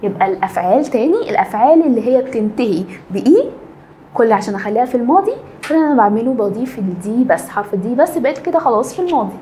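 A young Egyptian woman teaching an English grammar lesson, explaining patiently and repeating key words slowly. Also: fairly high pitch, big pitch swings, dark tone, slight background noise. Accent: Egyptian Arabic.

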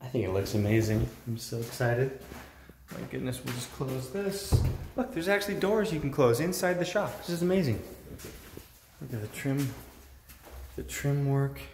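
Holding a phone out at arm's length, an American vlogger of about forty gives a relaxed, excited tour of a workshop, praising it informally. He speaks at normal speed in an animated, medium-pitched voice. Most of it takes place inside an empty unfinished workshop building, where the room echoes and background noise is clearly heard.

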